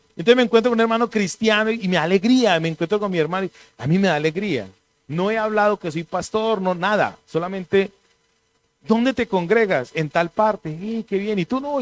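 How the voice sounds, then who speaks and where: A pastor preaches in a loose, conversational way. His voice sits high for a man, and he tells animated stories with a joking edge. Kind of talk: conversational sermon.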